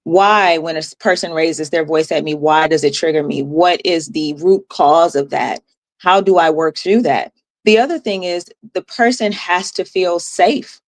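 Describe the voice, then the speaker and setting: A woman health coach as a podcast guest, explaining in a calm, measured way with pauses. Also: low voice. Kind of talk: podcast interview.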